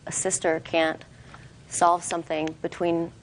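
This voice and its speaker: A woman's voice: on the low side, level tone, measured pace, slight background noise, rough recording. An American woman arguing her side defensively as a litigant in a TV court.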